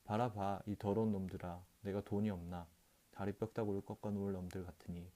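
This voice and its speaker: A male narrator voices a drunken rickshaw puller who brags and swears at everyone around him. The voice sits low and dark, rough with cursing, and the whole thing stays a storybook reading. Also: steady tone, a little fast, lightly acted. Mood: angry shouting. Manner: blustering, cursing, shouting. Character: drunken boisterous middle-aged rickshaw puller.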